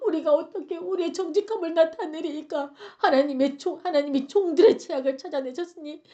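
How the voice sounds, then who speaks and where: A woman's voice: high voice, a little fast, mellow, pitched above the performer's own voice, lightly acted. A woman voicing an older brother who pleads earnestly and humbly before a ruler. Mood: pleading. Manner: earnest, solemn old-fashioned pleading. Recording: dull lo-fi sound.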